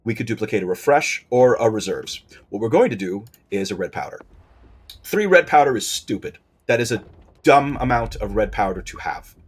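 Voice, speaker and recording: A man's voice: on the low side, lively intonation, normal speed, breathy edge. A man doing casual let's play commentary, explaining his strategy card by card, with fillers and self-corrections along the way. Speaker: gameplay commentator.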